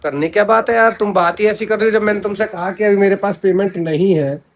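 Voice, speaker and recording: A man's voice: high voice, fast talker. A man vlogging in a casual, talkative way, stubbornly teasing his wife on a phone call as a prank. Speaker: vlogger, husband.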